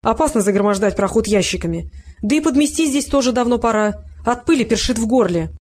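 A woman's voice: a little high, expressive, a little fast, a little mellow. A narrator voicing a bold young woman who speaks coolly and tartly in a raised voice. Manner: self-assured, cool and tart. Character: bold cool-headed young woman, police chief's daughter.

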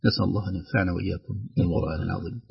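A man teaching Quran recitation on a radio lesson, explaining calmly and slowly chanting verse examples. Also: sits low, gravelly, breathy edge, dull audio.

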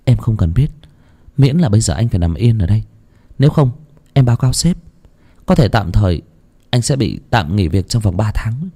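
A man's voice: on the low side, sing-song, moderate pace, pauses often, warm tone, breathy edge, exaggerated voice. A man voicing a worried, caring young woman colleague in a spoken ghost story. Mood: firm.

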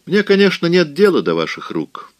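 A man voicing a cold, worldly man in an audiobook, speaking in a cool, quiet, cutting way. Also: fairly high pitch, wildly swooping pitch, normal speed, dry recording, voice pushed up.

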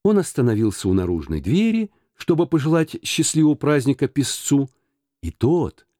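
A man narrating a classic story as an expressive audiobook reader. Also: medium pitch, moderate pace, dry recording, clean studio sound.

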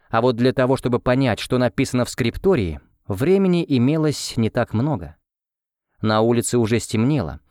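A man narrating a first-person fantasy audiobook in a measured storytelling manner. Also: medium pitch, darkish tone, dry recording, clean studio sound.

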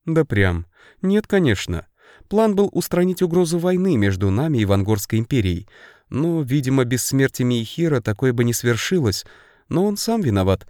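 Мужчина читает аудиокнигу и озвучивает расчётливую, властную гномку приподнятым голосом, говоря по-деловому и наставительно. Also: male voice, mid-range voice, very animated, normal speed, warm tone, no echo, clean studio sound, voice pushed up, lightly acted. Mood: dismissive. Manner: matter-of-fact, commanding. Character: shrewd female dwarf schemer, brisk and bossy.

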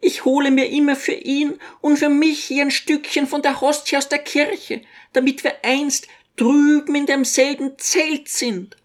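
A man voicing a shrill, fretful old mother. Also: level tone, unhurried, few pauses. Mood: fretting. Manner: pleading, fretful, high-pitched. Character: fussy, pious, tearful old mother. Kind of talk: audiobook character voice.

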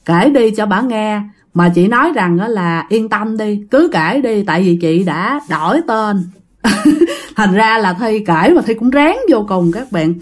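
A woman's voice: medium pitch, animated, a little slow. A woman with a Southern Vietnamese accent who narrates a ghost story in a chatty way and often talks straight to her listeners. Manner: chatty, addresses listeners directly.

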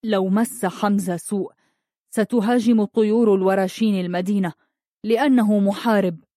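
A woman voicing a proud, blind young man who speaks steadily and with quiet menace. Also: medium pitch, fairly quick, no room sound, studio quality, close to an everyday voice. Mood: firm, defiant.

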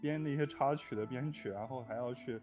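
In a casual chat, this man, a guest who works as a music arranger and score composer, spins animated stories while playfully grumbling. He speaks fairly quickly in a mid-range voice, and the sound is muffled and lo-fi with music playing behind him.

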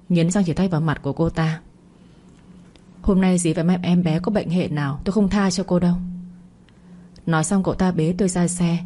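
Mellow-voiced woman narrating a story. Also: lowish voice, slight background noise. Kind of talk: first-person story narration.

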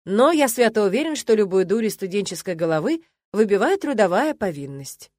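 A woman's voice: medium pitch, sing-song, a little fast, darkish tone, no room sound. A stern, tired man who runs a magic academy, read by a woman narrator for a fantasy audiobook. He barks orders and lectures in a commanding tone. The sound is dry and close. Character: weary, stern male academy rector.

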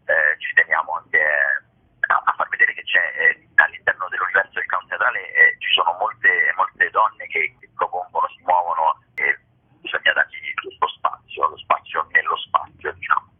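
A theatre festival organiser and presenter explains a programme in an informal interview, hesitating and drawing out his words. His low, slightly rough voice keeps a fairly even intonation at normal speed, heard over a muffled, lo-fi, phone-like radio line.

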